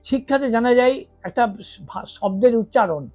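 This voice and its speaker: A man teaches religious lore in an off-the-cuff lecture, his voice sitting noticeably high. He asks questions and then answers them himself, cutting words short and restarting them as he goes. Soft music plays faintly behind him. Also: lively intonation, moderate pace. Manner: talks through examples and retold stories, with frequent restarts and self-corrections. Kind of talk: unscripted explanatory lecture.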